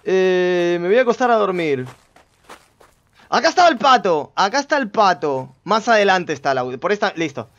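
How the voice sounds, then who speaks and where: A man giving casual gameplay commentary, chatting to himself and his viewers with sudden loud outbursts. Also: high voice, sing-song, moderate pace, dull audio. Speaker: gameplay streamer.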